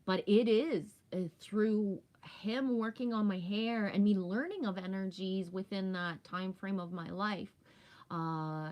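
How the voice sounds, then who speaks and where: A woman of around fifty hosts a casual spiritual livestream in a mid-range voice. She rambles candidly and emphatically, often ending her points with a questioning check.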